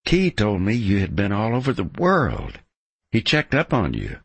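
A man voicing a spirited young ranch woman in an audiobook, guarded yet tender, with a lightened husky voice and an earnest, protesting manner. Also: lowish voice, wildly swooping pitch, measured pace, dry recording, pitched above the performer's own voice, exaggerated voice. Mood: concerned, curious. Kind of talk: audiobook character dialogue.

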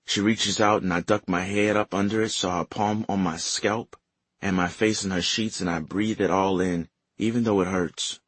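A man narrating a novel in first person with a measured, lyrical reading, on a close mic. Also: deep voice, fairly even intonation, a bit bright, dry recording. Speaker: audiobook narrator. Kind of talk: scripted narration.

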